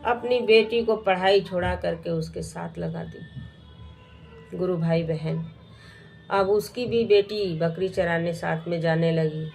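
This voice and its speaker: A woman telling a devotional folk tale in an unhurried, repetitive, homely way. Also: on the low side, vocal fry, darkish tone, soft background music. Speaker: devotional storyteller.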